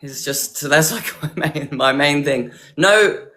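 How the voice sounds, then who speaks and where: A woman's voice: low voice, measured pace, sharp tone. A woman from Hertfordshire, chatting casually and at rambling length on a video call. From Hertfordshire, England. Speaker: dating show contestant. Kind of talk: casual chat.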